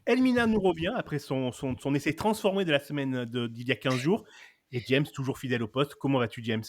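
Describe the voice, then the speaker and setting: A man's voice: mid-range voice, fairly quick. A man hosting a casual film and series podcast, playful and theatrical as he introduces his guests. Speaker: podcast host. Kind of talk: casual chat.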